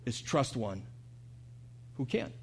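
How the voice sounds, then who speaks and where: A middle-aged man preaching a sermon, telling personal stories and climbing to loud, emotional peaks before dropping to soft, quiet lines. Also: medium pitch, sing-song, slow pace, vocal fry, husky. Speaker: pastor.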